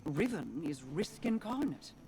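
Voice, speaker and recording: A woman's voice: lowish voice, big pitch swings, mellow, a little hiss or hum. A woman playing a regal, wary queen in a video game, speaking in a formal, solemn, resolute way. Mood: urgent, resolute. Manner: measured, formal, grave. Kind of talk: scripted video game dialogue.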